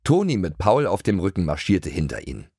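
Male audiobook narrator for children; deep, husky, very lively delivery, dry studio. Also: brisk, dry recording. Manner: lively storytelling. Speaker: audiobook reader.

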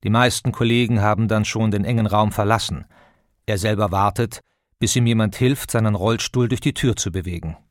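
A man reading an audiobook introduction in a measured, even studio narration. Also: lowish voice, no echo.

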